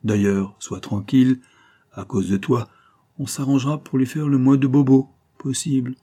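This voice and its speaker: A man's voice: mid-range voice, fairly even intonation, normal speed, dark tone, pitched above the performer's own voice, lightly acted. A man reading an audiobook voices a scheming, ruthless female adventuress who gives orders in an imperious, gloating manner. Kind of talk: audiobook character voicing.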